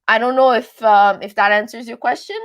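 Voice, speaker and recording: Reading out viewer comments on her reality TV recap livestream, this higher-voiced Canadian host talks briskly with fairly even intonation. Her chat is rambling and self-deprecating, with tripped-over words and playful accent switches.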